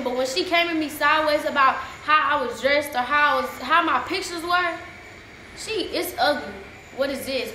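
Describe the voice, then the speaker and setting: A woman's voice: sits high, pushed and bright, slight background noise. A young woman vlogging to camera, venting indignantly and repeating herself, full of "like" and "y'all". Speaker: YouTuber. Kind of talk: casual vlog rant to camera. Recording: echoey room.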